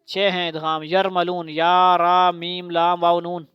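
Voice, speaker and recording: A woman teaching Quran recitation to a child, spelling out syllables slowly for repetition and then explaining rules in quicker bursts. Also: fairly low pitch, little pitch movement, smooth, no echo, lo-fi sound.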